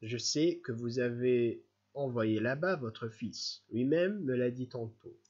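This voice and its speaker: Un jeune prince droit et sincère qui questionne avec insistance, lu par un homme dans un livre audio. Sa voix est un peu voilée. La prise de son est légèrement sourde. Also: male voice, mid-range voice, slow pace, darkish tone, breathy edge, dull audio. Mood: reproachful. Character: earnest, upright young prince, easily indignant.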